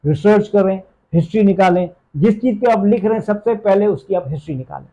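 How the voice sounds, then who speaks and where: A man's voice: high voice, fast talker, warm tone, dull audio. A man from Pakistan who teaches English, answering interview questions emphatically and slipping in English phrases. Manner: emphatic, mixes in English phrases, asks "theek hai?".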